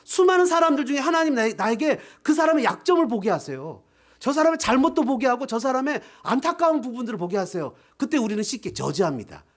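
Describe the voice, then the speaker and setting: A male pastor preaching a sermon in church. His pitch rises and falls widely as he drives points home. He acts out voices lively and dramatically. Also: fast.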